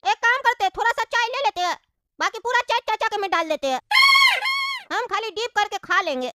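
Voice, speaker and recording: Woman playing a high, cheeky cartoon lad. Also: animated, a little fast, noisy background. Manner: argumentative, demanding, suspicious. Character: cheeky fussy young male lad.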